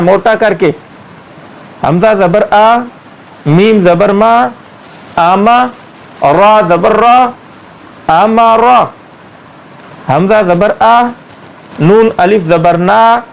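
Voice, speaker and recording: Male teacher, high register, unhurried delivery, patient syllable-by-syllable drilling. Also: vocal fry, poor audio. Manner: patient, drawn-out syllable-by-syllable spelling. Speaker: Quran reading teacher. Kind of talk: slow step-by-step recitation lesson.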